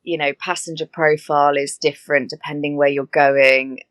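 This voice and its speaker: A woman who works as an air hostess, telling stories in a chatty, animated way with laughing asides. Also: sits low, moderate pace, no echo. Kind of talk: casual interview chat.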